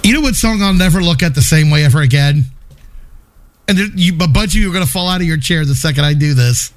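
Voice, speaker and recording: A man's voice: fairly high pitch, quick pace. A man co-hosting a radio show with casual, bawdy banter in a jokey, teasing manner, over a noisy amateur feed. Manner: jokey, teasing, breaks into parody song.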